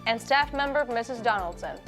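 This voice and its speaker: Teenage girl, student announcer, high voice, scripted morning announcements, light music behind. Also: lively intonation, normal speed, a bit bright.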